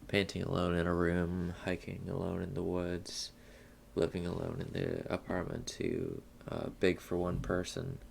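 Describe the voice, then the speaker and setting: A man's voice: deep voice, creaky, a little mellow, slight background noise. A young man hosting a gaming channel, reading a visual novel aloud in a laid-back way and muttering casual asides between lines.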